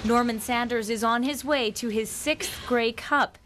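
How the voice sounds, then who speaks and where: A woman's voice: on the high side, measured pace. A woman with a Canadian accent narrating a scripted TV news feature as a reporter.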